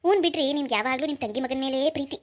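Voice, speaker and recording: A woman voicing a sharp-tongued, jealous village mother in a cartoon, with a grumbling, sarcastic way of talking. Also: sits high, rapid-fire, close to an everyday voice. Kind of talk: cartoon voice acting.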